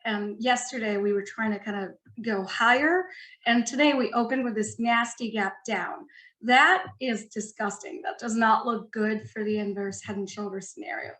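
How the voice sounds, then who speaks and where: A woman presenting a live trading webinar, talking excitedly and quickly as she walks through her screen. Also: fairly high pitch, echoey room, low-quality recording. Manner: excitable, fast-talking, chatty. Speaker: guest trader presenting a webinar.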